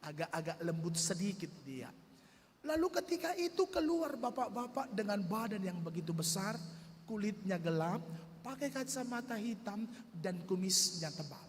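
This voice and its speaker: A man's voice: sits high, moderate pace. A middle-aged man, a pastor telling a story during a sermon in a church. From North Sumatra, Indonesia. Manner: animated, vivid storytelling. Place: church sanctuary. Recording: reverberant church hall, faint noise.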